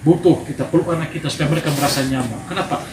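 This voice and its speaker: Speaking very fast in a fairly high-pitched voice, this man preaches to a men's gathering, energetically spinning stories and asking the crowd for an amen. Background noise fills the echoey space.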